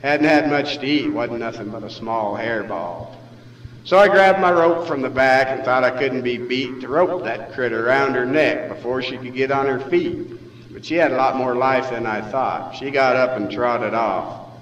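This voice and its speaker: A man's voice: medium pitch, normal speed, a bit bright, muffled recording. A man with an American West accent and a folksy cowboy drawl, reciting rhymed cowboy poetry as a storyteller. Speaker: cowboy poet. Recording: echoey hall from far off, faint noise.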